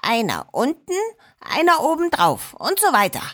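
A woman voicing Schorsch, a small, cheeky, kind-hearted male gnome, who talks softly and playfully. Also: sits high, huge pitch swings, moderate pace, no echo, studio quality, pitched above the performer's own voice, full character voice. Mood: eager.

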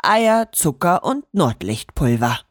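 A woman voicing a strict old male gnome who teaches baking, speaking in a deep sonorous way. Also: very animated, takes it slowly, dry recording, studio quality, heavily acted.

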